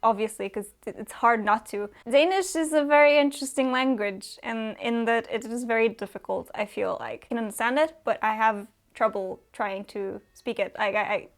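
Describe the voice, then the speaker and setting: A woman's voice: a little high, normal speed, few pauses. A young woman from Romania chatting casually as a booktuber answering viewer questions, with lots of fillers and small laughs. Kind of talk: casual chat.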